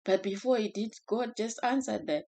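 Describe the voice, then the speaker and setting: A woman speaking in a gentle, unhurried way in a personal devotional talk, with many fillers and restarts. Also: fairly high pitch, gravelly.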